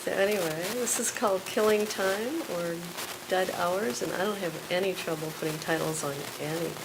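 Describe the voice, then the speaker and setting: A woman poet giving a live poetry reading with casual introductions, in a deliberate and emphatic manner. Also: fairly low pitch. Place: live poetry night at a cafe. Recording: live event with clear background noise.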